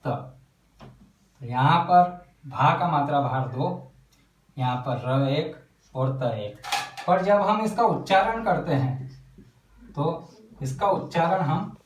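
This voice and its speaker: A man teaching a lesson on counting syllables in verse, speaking slowly and breaking words into syllables as he writes them out. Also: fairly high pitch, animated, reverberant, far from the mic, a little hiss or hum, low-quality recording. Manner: slow, spells out syllables while writing. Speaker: Hindi poetry teacher. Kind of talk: whiteboard lesson.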